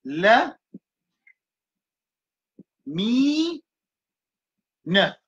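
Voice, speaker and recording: Leading a Quran reading lesson, a man sounds out each letter and vowel slowly, repeating syllables one by one for his students and mixing French, English and Arabic terms. His voice is high for a man, bright and forward, and very animated. The audio sounds dull.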